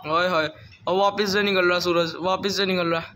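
Young male vlogger, rooftop phone recording, excitable and repetitive, high-pitched. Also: moderate pace, a little hiss or hum. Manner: excitable, repeats words, frequent religious exclamations. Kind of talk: casual vlog chat. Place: home rooftop, outdoors.

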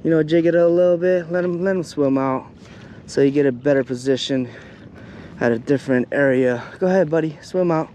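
A fishing vlogger in his thirties chats casually about his trip from a shoreline, his fairly high, warm voice moving a little fast. Laid-back and full of fillers, he's recorded on a hand-held or chest-mounted action camera with faint outdoor noise.

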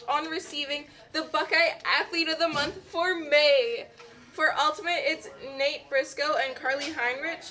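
A woman's voice: high-pitched, pushed and bright. A young woman, a student announcer, reading scripted morning announcements over a school intercom. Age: teens to young adult, high school student. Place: indoor school office. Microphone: telephone handset of school PA, seen.

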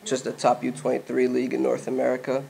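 A young man from Egypt, a native Arabic speaker, talking casually as a guest in an indoor gym studio, with many fillers and pauses. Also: mid-range voice, vocal fry. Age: young adult. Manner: relaxed, hesitant, many fillers. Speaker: guest, soccer player. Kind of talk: casual interview.

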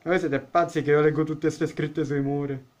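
Slightly high and darkish in tone, a man's voice delivers flat, moderately paced let's-play commentary on a horror game. As a gaming YouTuber he jokes, talks with characters and blurts out startled exclamations.

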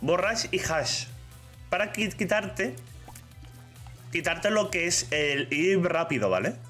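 Brief: Spanish male streamer, lively pitch, a bit high, chatty, faint music behind. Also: slow. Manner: chatty, repeats "tío" often, reads chat aloud. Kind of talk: casual live-stream chat.

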